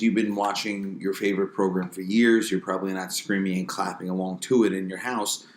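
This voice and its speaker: A man speaking as a comedian guest in a casual interview, explaining things in a wry, conversational way. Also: deep voice. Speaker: warm-up comedian, podcast guest. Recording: roomy, echoing interview recording.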